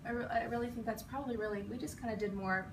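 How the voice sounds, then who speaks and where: Speaking at a racing pace in a steady, slightly high tone, this western Pennsylvania teacher in her forties reminisces about her school days in a relaxed interview. She's reflective and meandering, full of ums and restarts. It was captured in a school building's echoey room, noisy and with a distant mic.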